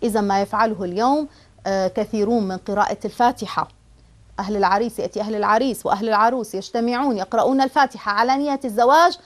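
A woman delivers a religious lesson in an earnest, explanatory tone. Her voice sits at an ordinary middle pitch. She sometimes stops partway through a phrase and restarts it. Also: very fast. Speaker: religious teacher.

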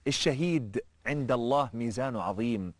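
A male preacher, telling a story in a sermon with an animated, fervent delivery and colloquial asides. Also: medium pitch, brisk, no echo.

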